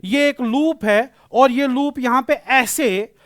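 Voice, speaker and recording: A man's voice: very high-pitched, takes it slowly, fairly bright tone, dry recording, studio quality. A male physics teacher giving a classroom lecture, explaining patiently, repeating key phrases and using terms.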